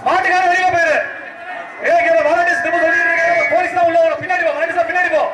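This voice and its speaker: Man barking orders over a loudspeaker. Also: very high-pitched, level tone, very fast, heavy background noise. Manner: barking short repeated orders. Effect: through a public-address loudspeaker. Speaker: arena announcer. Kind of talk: shouted crowd-control commands. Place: outdoor bull-taming arena. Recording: echoey far-off outdoor loudspeaker, loud crowd.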